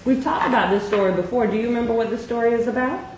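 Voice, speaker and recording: In one-on-one reading tutoring, a woman with a slightly high, darkish voice coaches a child on phonics. She asks slow, patient questions, encourages the child, and praises often, recorded in a very echoey room with faint noise.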